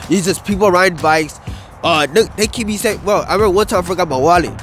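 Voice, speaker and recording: A young adult man with a high, fast, slightly bright voice is interviewed on an open grass field by a city skyline about riding wheelies; a little hiss or hum is audible. He rambles loosely and slangily, full of "bro" and "dude," into a handheld mic held by the interviewer, with music underneath.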